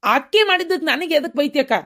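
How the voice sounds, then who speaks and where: A woman's voice: high voice, fast, fairly bright tone. Woman voicing a grumbling henpecked husband. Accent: North Karnataka Kannada. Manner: complaining, whiny grumbling. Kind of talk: cartoon comedy voice acting.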